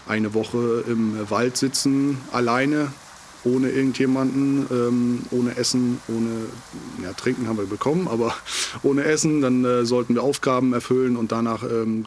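A man speaking as a military instructor in a casual podcast interview, with halting, thoughtful phrasing. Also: mid-range voice, slight background noise.

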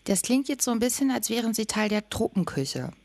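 A woman's voice: fairly high pitch, very animated, fairly quick, darkish tone, no room sound. A woman hosting an interview podcast, asking questions and introducing guests. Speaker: podcast host.

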